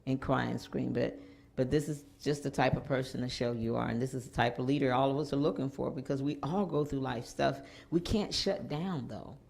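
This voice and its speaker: A woman's voice: a bass voice, steady tone, a little fast, gravelly, darkish tone. A woman host introducing a speaker at a seminar, giving a preachy pep talk with call-and-response questions.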